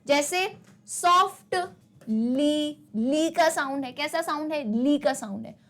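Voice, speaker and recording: A young woman teacher with a high voice walks a class through a lesson. She mixes Hindi with English words and keeps asking the students questions, then answers them herself in their voice. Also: lively intonation, slow, fairly bright tone.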